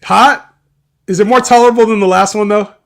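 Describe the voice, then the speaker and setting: A man's voice: high voice, fairly even intonation, fairly quick, gravelly. A man co-hosting a casual sports betting livestream, laughing often and teasing his partner. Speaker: livestream co-host.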